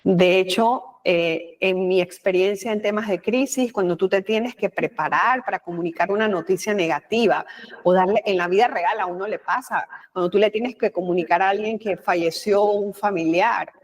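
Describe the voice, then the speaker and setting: A woman with a Panamanian Spanish accent appears as a guest communication expert in a conversational interview. Her mid-range voice moves at normal speed, and she's animated and expressive, acting out small quoted lines. Her speech is loose and chatty with frequent fillers.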